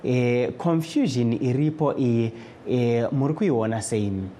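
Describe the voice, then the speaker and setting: Male host, Zimbabwean accent, mid-pitched, hesitant live moderating with lots of fillers. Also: dark tone, slight background noise. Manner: hesitant, many long filled pauses. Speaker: radio talk host. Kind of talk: moderating a live call-in discussion.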